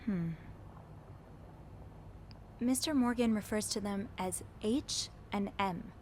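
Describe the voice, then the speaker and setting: An actress voices a young hotel maid who has become an amateur sleuth, speaking gently and hesitantly with occasional stammers. Her female voice is medium in pitch and slow, the performance lightly acted, with a little hiss or hum on the recording.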